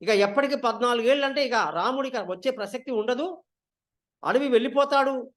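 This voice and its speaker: A man retelling an epic story in an animated way, acting out the dialogue. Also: extremely high pitch, a little fast.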